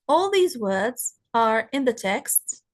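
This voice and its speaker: A woman teaches an English vocabulary lesson. She explains patiently at an unhurried pace and keeps asking her students rhetorical questions. Her voice sits a little high. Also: sing-song. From Palestine. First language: Arabic. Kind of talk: recorded classroom lesson.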